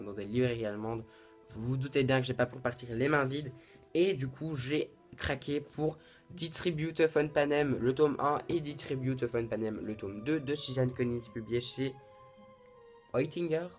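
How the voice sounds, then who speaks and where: A man's voice: mid-range voice, darkish tone. A man chatting to camera about books he bought, talking in a casual and hesitant way with many restarts. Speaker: booktuber. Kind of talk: casual book haul vlog.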